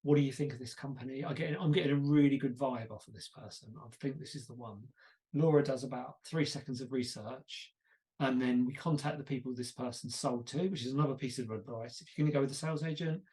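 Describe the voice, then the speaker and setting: A man's voice: mid-range voice, fairly quick, mellow. Chatty man hosting a podcast. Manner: chatty, storytelling with self-deprecating asides. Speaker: podcast host. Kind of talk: casual conversation.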